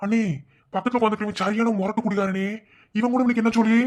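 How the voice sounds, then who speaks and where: A man voicing a blunt young village friend in a cartoon, speaking in a Madurai Tamil accent in a quick, chiding way. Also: high-pitched, steady tone, lightly acted.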